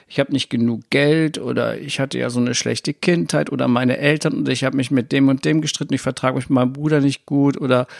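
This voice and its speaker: Guy doing a self-help podcast, husky gravelly voice, rambles and corrects himself, dry close mic. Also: medium pitch, no echo. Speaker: podcast host.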